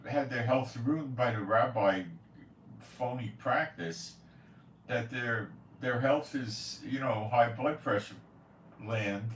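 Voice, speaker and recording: A man with a mid-range voice speaks slowly as host of a prophecy commentary channel. His casual monologue rambles, and he comes across as blunt, scoffing and opinionated. The room is echoey, he's far from the mic, and there's faint noise.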